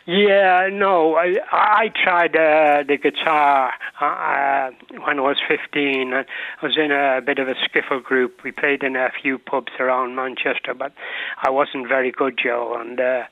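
A caller in his seventies, from Ireland but with a Mancunian accent, rambles warmly in casual chat, full of fillers. His mid-range voice is fairly even, a bit slow and touched by vocal fry, heard over a dry, tinny phone line with no echo.

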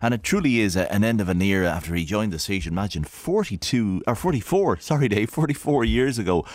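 Chatty Irish radio presenter. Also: male voice, on the low side, expressive, fast, darkish tone, dry recording. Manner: chatty, enthusiastic. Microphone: studio microphone.

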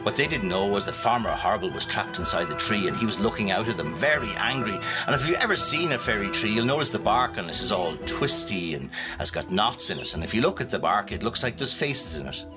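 A man with an Irish accent telling a folk tale, lively and dramatic, rising for suspense. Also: fairly low pitch, brisk, hardly any pauses, over loud music. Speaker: storyteller. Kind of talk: spoken folk tale for listeners.

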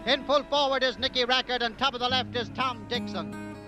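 High-voiced Irish radio match commentator. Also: male voice, fairly quick, music in the background. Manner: lively, formal, announcing team line-outs. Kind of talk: live 1950s radio sports commentary.

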